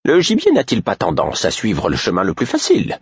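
Gruff commanding older woman in an audiobook, sharp and raised, read by a man. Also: fairly low pitch, wildly swooping pitch, brisk, dry recording, dull audio, pitched above the performer's own voice, exaggerated voice. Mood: pressing.

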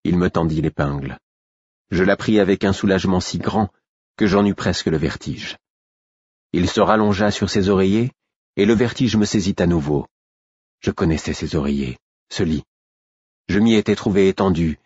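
A man reading a first-person fantasy story aloud in a measured, even way. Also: deep voice, husky, no echo. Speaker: audiobook narrator. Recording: dull, muffled audiobook sound.

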